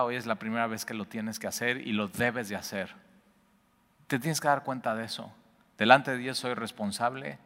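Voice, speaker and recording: A man preaching a sermon, swinging between emphatic bursts and hushed, intimate lines. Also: mid-range voice. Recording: long reverb of a large hall.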